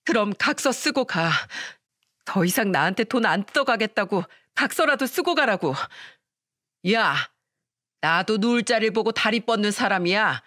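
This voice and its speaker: A woman's voice: mid-range voice, lively intonation, normal speed, fairly bright tone, no room sound, clean studio sound, close to an everyday voice. A woman voicing a shameless, scornful middle-aged mother-in-law in a storytelling radio reading. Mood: defiant. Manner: scornful, defiant.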